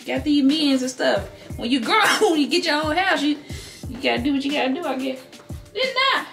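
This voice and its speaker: Sketch figure: a gossipy old grandma, high and piping, echoey house, music under. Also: female voice, animated, a little fast, vocal fry, fairly bright tone, heavily acted. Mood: teasing. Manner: high, nosy, chatty questioning. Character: nosy old grandmother visiting, loud and gossipy. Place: indoors in a house.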